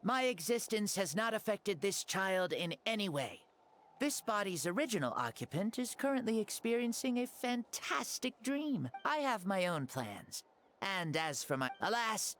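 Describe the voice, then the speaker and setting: An actor gives a full character performance as an ancient hero spirit inhabiting a boy's body in a game, his high, slightly bright voice casual, playful, and self-deprecating. The game audio has music underneath.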